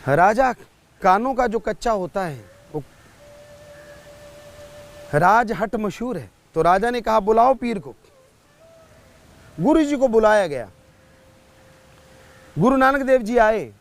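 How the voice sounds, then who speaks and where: A man giving a spiritual sermon, telling a story in a slow, measured way. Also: sits high, animated. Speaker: spiritual preacher.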